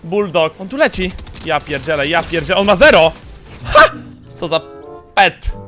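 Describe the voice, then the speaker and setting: A young man from Poland giving excited commentary over his own game, with sudden shouts and quick muttered asides. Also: fairly high pitch, over music. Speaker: gaming YouTuber.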